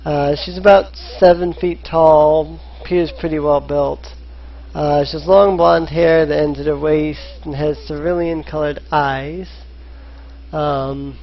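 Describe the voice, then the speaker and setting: Slow, gravelly dungeon master narrator. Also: mid-range voice. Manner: hesitant, many filler sounds. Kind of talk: narrating a tabletop game. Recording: dull lo-fi online recording.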